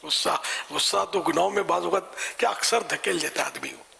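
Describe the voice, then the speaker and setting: An older man answering religious questions in a folksy, conversational way, quick to laugh. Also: high-pitched, creaky, bright, forceful tone, a little hiss or hum.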